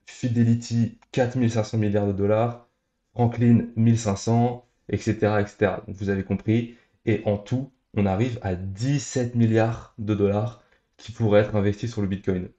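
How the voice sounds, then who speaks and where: A man's voice: lowish voice, steady tone, moderate pace, dark tone, reverberant, highs cut off. A young man hosting a crypto news channel, talking straight to his viewers in an upbeat, scripted way. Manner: upbeat, direct address to viewers. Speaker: crypto YouTube host.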